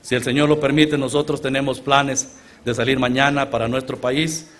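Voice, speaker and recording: A man from Honduras with a Honduran Spanish accent, preaching as a guest at a church conference. He moves between loud exclamations and low, quiet asides. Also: flat delivery, moderate pace. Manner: earnest storytelling sermon, often addressing listeners as brothers. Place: church conference gathering before a large congregation.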